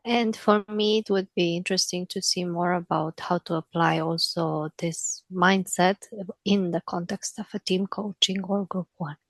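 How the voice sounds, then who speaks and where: Measured woman on a dry video call. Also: on the low side, fairly even intonation, dry recording. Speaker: coach in training.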